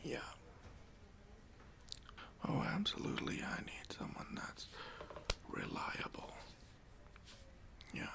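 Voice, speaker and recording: In a whispered ASMR job interview roleplay, a performer plays a smug, self-important boss who is condescending yet awkwardly hesitant. The whisper is breathy and gravelly, slow-paced with frequent pauses, in a natural voice.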